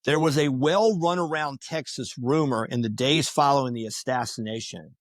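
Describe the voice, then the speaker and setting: A man talking casually on a podcast, telling stories in a lively way and acting out what people said. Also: medium pitch, no room sound, clean studio sound. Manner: animated, acts out quoted voices.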